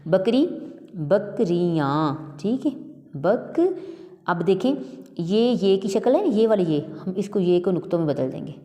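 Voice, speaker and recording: A woman teaching a primary-school Urdu lesson, explaining slowly and repeating each word, often checking in with "theek hai". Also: medium pitch, animated, mellow, echoey room, big-room sound. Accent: Urdu-speaking. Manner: explains slowly, repeats words, often says 'theek hai'. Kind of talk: classroom lesson.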